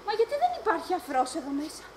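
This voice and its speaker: A woman's voice: very high-pitched, huge pitch swings, heavy background noise, exaggerated voice. A woman on stage playing a mad old grandmother who longs for babies, rambling in a singsong and giggling, recorded live and echoey. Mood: dreamy. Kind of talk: amateur stage acting.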